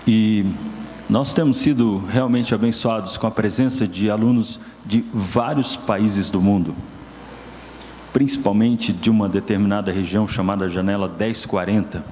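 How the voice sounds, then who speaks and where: In a church sermon, a male pastor with a lowish, darkish voice speaks at normal speed with fairly even intonation, building his points through rising, emphatic questions before calling a guest up for a stage interview. Long hall reverb and a faint hiss give the recording the open, echoing feel of a sanctuary.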